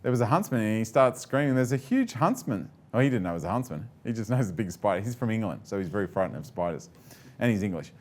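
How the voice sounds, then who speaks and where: A man's voice: fairly low pitch, big pitch swings, quick pace. Chatty man giving a live tech talk. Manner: chatty, joking, with many fillers and restarts. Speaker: presenter. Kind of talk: live tech presentation to an audience.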